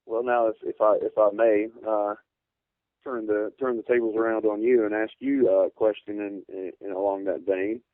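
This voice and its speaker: A man with a low, fairly flat voice speaks in a polite, measured and halting way, as in an interview. The sound is narrow and phone-like. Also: no echo. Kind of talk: conversational interview.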